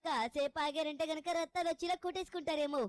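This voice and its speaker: A woman's voice: high-pitched, fairly even intonation, quick pace, no echo, natural voice. A woman doing a sassy scolding little girl. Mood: worried. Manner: scolding, dramatic, indignant.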